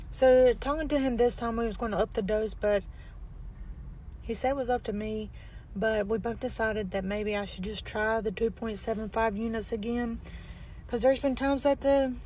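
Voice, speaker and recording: Weak, barely audible chatty woman, noisy recording. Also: darkish tone. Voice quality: weak, low-volume voice, barely projecting. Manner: chatty, plain-spoken, folksy. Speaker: vlogger. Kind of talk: casual chat.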